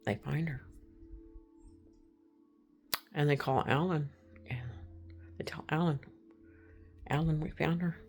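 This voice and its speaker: A woman from Texas tells a true crime story in a chatty, casual way. Her voice sits a little low with a gravelly edge. She acts out the quoted people and sinks into hushed tones. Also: slow, pauses often, soft background music.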